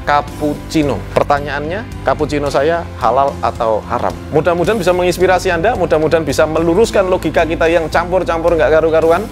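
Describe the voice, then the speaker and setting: A man, a business coach talking straight to the camera and repeating his questions to viewers. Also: medium pitch. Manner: asks viewers to answer in the comments, repeats questions. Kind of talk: direct-to-camera talk.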